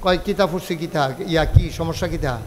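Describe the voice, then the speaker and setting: A high-pitched man with a delivers a lively sermon, his voice carrying through a reverberant hall. He swings into sing-song storytelling and prompts the listeners to call back. A faint ambient hum sits under him. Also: moderate pace. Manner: sing-song, animated storytelling, calls crowd to answer. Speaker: preacher. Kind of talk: Bengali village sermon (waz).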